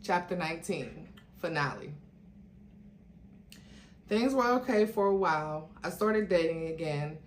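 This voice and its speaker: Her low, expressive voice moves unhurriedly, with long pauses, as she dramatically reads a story aloud in the style of a host and acts out its dialogue. There's a roomy echo and faint noise in the recording.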